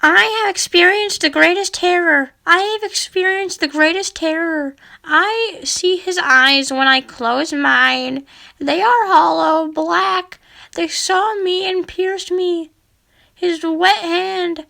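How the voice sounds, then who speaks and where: A woman doing a high creaky terrified diarist. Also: slow, bright, forceful tone, heavily acted. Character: terrified journal writer, haunted and sleepless. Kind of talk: dramatic reading voice.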